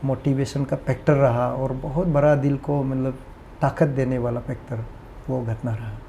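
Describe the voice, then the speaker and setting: A man's voice: mid-range voice, steady tone, moderate pace, creaky, warm tone, slight background noise. A man, a guest on a talk show, telling a personal story in an earnest, hesitant, reflective way.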